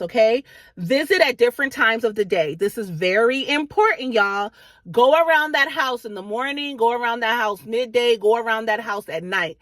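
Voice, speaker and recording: A woman's voice: fairly high pitch, fairly bright tone, no echo. A woman real estate agent talking informally to viewers, explaining advice in a conversational way and often checking that they follow. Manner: conversational, explanatory, checks understanding with "right?" and "okay?".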